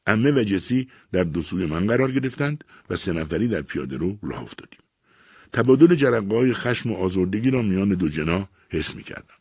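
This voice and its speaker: A man reading a literary short story aloud in a measured, expressive way. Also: low voice, breathy edge, no echo, studio quality. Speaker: audiobook reader. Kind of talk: scripted story narration.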